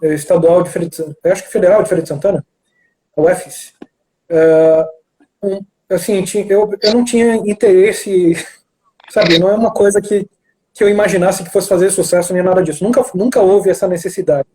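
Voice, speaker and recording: Male guest from Brazil, high but warm voice, acts out quoted dialogue while he tells a story over a video call. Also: a little fast, rough recording. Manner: animated storyteller who acts out dialogue, frequent restarts. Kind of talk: storytelling in a live video chat.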